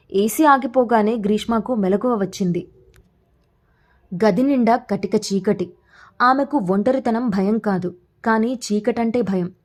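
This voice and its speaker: A woman reading a story aloud in an even, measured storytelling manner. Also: mid-range voice. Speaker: story narrator. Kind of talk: scripted story narration.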